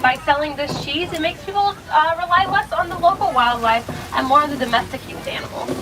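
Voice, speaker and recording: A woman giving a cheerful, scripted safari ride spiel over the ride vehicle's loudspeaker. She calls the riders "friends". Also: high voice, a little fast, recorded from a distance, background noise. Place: open-air safari truck outdoors.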